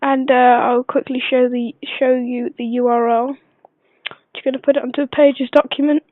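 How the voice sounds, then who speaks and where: Quiet but clear young-sounding high female voice. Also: little pitch movement, normal speed, no room sound. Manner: hesitant, rambling. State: unwell. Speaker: gaming video maker. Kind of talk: casual gameplay tutorial voice-over. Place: voice-over recorded at a computer. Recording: dull lo-fi computer recording, dry.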